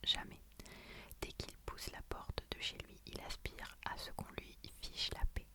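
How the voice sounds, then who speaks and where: A woman doing ASMR in a soft, breathy library whisper, talking about books and reading out blurbs. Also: a little slow. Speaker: ASMR creator.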